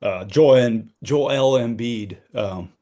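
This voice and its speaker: Relaxed man leading a podcast chat. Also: mid-range voice, slow. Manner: relaxed, runs the topic list. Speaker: podcast co-host. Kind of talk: casual chat.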